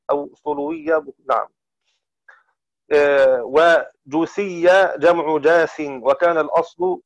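A man teaching variant Quran readings, deliberate and methodical, slowing down to intone the quoted verses. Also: on the high side, dry recording. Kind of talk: explaining variant Quran recitations. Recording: dull dry lo-fi recording.

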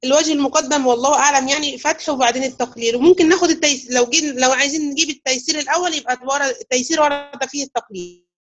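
This woman talks in a high, racing voice with an Egyptian Arabic accent. She teaches the rules of Quran recitation in an online class, frequently asking her students questions and waiting for their answers.

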